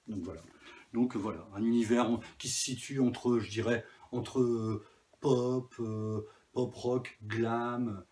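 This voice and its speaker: A man's voice: mid-range voice, fairly even intonation, slow, darkish tone. A man casually talking about his new vinyl records, enthusiastic and hesitant, with many fillers. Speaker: vinyl collector vlogger. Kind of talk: casual chat.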